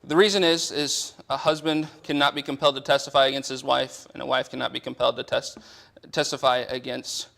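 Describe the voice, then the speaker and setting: A man's voice: mid-range voice, level tone, fairly quick, vocal fry, bright, forceful tone. A man in a church meeting room who reads out child protection policy and then explains it in casual asides. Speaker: church training presenter. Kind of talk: policy training talk.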